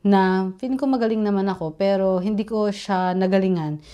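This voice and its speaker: A woman's voice: mid-range voice, normal speed, warm tone, clean tone, highs cut off. Young Filipino-accented woman, candid and chatty, mid-range voice, vlog storytelling. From Philippines. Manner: chatty, mixes English and Tagalog, candid. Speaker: vlogger, teacher.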